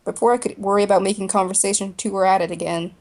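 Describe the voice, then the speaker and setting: A woman narrating a story in the first person for a voice drama, in a plain, even way. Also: medium pitch, fast talker. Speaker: narrator and main voice actor.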